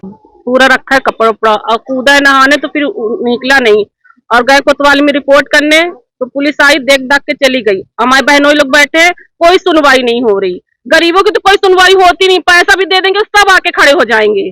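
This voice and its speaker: A woman's voice: sits high, moderate pace, pushed and bright, no room sound, poor audio. A distraught woman, the sister of a drowned man, speaking in a street interview. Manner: distraught, pleading complaints.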